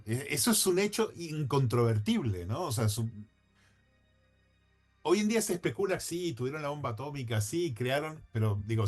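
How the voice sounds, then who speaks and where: Male guest, mid-range pitch, chatty and hedging, talks in loose sentences with many restarts. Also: darkish tone. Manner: thinks aloud, frequent restarts and self-corrections; hedging, conversational. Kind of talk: casual podcast conversation.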